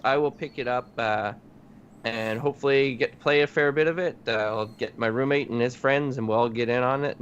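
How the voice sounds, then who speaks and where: A man with a medium-pitched, fairly bright voice co-hosts a casual podcast chat. He's easygoing and rambling, correcting himself as he goes along. The audio is dull and lo-fi with a faint hiss.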